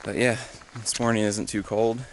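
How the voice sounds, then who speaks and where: A young man with a lowish voice talks into a handheld camera out on a mountain trail, stopping and starting with plenty of ums. He sounds a little winded at times from the climb. Steady outdoor noise sits clearly behind him. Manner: halting, many fillers, easygoing. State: out of breath while hiking uphill. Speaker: thru-hiker vlogger. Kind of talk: casual trail vlog.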